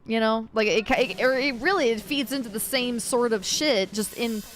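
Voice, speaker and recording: A woman's voice: fairly high pitch, moderate pace. A woman live-streaming a game with casual commentary, talking in slangy frat-bro style and swearing freely. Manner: slangy frat-bro talk, says bro and dude. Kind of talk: casual gameplay chat and commentary.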